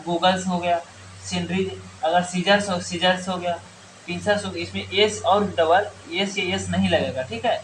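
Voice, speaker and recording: A man's voice: high voice, slight background noise, poor audio. A man teaching an English grammar lesson in Hindi, who asks his class questions and answers them himself with many repeats. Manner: many restarts and fillers.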